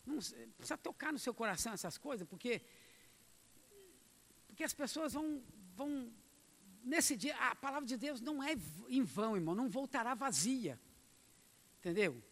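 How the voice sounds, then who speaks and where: A man preaching a sermon, emphatic, moving between loud exhortation and quiet asides. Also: very high-pitched, long reverb tail.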